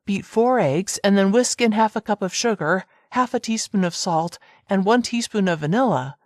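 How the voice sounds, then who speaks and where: A woman's voice: medium pitch, expressive, moderate pace, no echo, studio quality, close to an everyday voice. A narrator voicing a friendly young woman explaining a recipe, her voice raised a little above the narration. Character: cheerful young woman cooking instructor.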